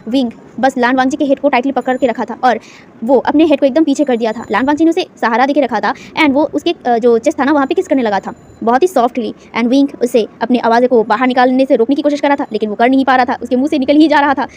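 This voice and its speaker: Fast, high-voiced young woman storyteller. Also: a little mellow, slight background noise. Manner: chatty, filler-heavy, mixing in English words. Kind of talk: casual fan-fiction story narration.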